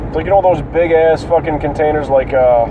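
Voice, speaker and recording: A somewhat high-voiced man chats casually while congested with a cold, his voice crackling and breaking as he goes. He rambles in a halting, sweary way. The recording is dull and a bit distant from the mic, with clear vehicle noise around him. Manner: colloquial, profane, halting. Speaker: podcast host. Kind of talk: casual rambling solo chat.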